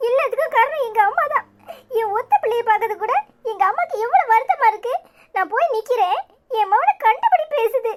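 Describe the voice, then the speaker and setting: A woman's voice: very high-pitched, big pitch swings, brisk, a bit bright, exaggerated voice. A woman voicing an upset young wife and new mother in a cartoon, complaining with a Tirunelveli Tamil accent. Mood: hurt. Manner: complaining, hurt, grumbling.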